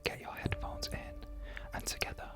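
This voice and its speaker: Close to the microphone, a host and narrator tells scary stories in a slow, hushed, breathy ASMR whisper, with deliberate storytelling.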